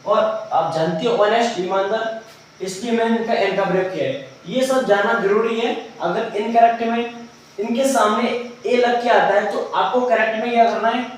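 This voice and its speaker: A man's voice: sits high, normal speed. A male English grammar teacher explaining rules step by step, asking his own questions and answering them. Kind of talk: classroom lesson. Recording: very echoey room, mic far off, faint noise.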